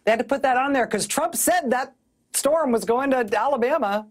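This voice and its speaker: A woman's voice: high-pitched, normal speed. A middle-aged woman hosting a televised news commentary, speaking in a wry, sardonic way on a studio mic. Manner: wry, sardonic, often laughing mid-sentence.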